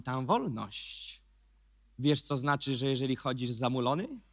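A Polish man preaching a sermon in an emphatic, sarcastic way that builds to shouts. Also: medium pitch, slightly rough, dry recording.

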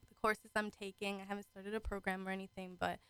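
Here the same giggly radio guest talks fast in a sharp, smooth, medium-pitched voice that barely moves in pitch, on a dry recording. She's a chatty Caribbean woman in her twenties, raised between Trinidad and the British Virgin Islands. She acts out her own remarks in casual chat.

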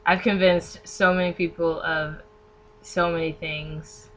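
The audio is rough as a podcast guest who runs a beauty business talks casually, thinking things through out loud. Her voice is lowish and a bit bright, with little pitch movement and a slightly slow pace.

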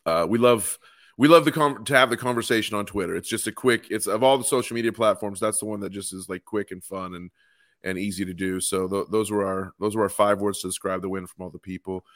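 Lively podcast guy, lowish voice, dry close sound, reads fan tweets. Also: quick pace, no room sound. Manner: enthusiastic, chatty, reads fan tweets aloud. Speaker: podcast co-host. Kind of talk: casual chat.

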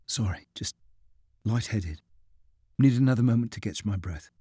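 A man voicing a weary male army chaplain who speaks quietly and falteringly. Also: mid-range voice, steady tone, slow pace, slightly rough, dry recording, studio quality.

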